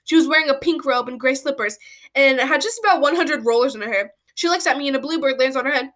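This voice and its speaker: A woman telling a silly made-up adventure in a casual, slangy, animated way, full of "like" and "bro". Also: high-pitched, fast talker. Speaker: storyteller. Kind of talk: casual comic storytelling.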